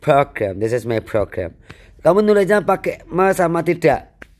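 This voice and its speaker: Male English teacher, animated lecture delivery, asks and answers his own questions. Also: on the high side, measured pace. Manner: repeats key phrases for emphasis. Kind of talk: free online English lesson.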